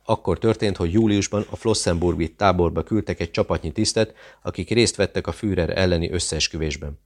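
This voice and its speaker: A man with a very low, deep voice reads a thriller audiobook. He narrates in a steady, measured way and gives the dialogue its own lines.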